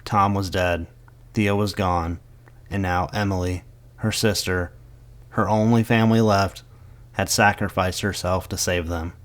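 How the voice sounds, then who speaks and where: A man reading a scripted horror story aloud in a dramatic, measured storytelling delivery. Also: sits low, steady tone.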